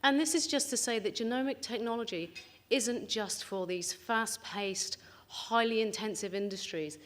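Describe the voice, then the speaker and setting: A woman's voice: on the high side, normal speed, fairly bright tone. A middle-aged woman giving an informal scientific conference talk in a conversational, enthusiastic way. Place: indoor conference venue.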